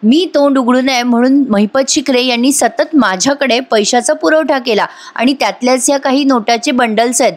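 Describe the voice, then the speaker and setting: A woman's voice: sits high, normal speed, hardly any pauses, natural voice. A woman voicing a cornered male witness explaining his testimony in court, in her own voice.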